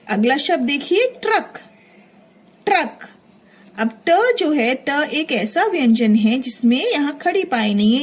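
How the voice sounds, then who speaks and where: एक महिला शिक्षिका बच्चों को हिंदी की वर्तनी सिखा रही हैं, हर शब्द धीरे-धीरे और धैर्य से बार-बार बोलकर।. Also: female voice, fairly high pitch, husky. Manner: slow, patient, repeating each word aloud. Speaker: teacher. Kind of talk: Hindi spelling lesson for children.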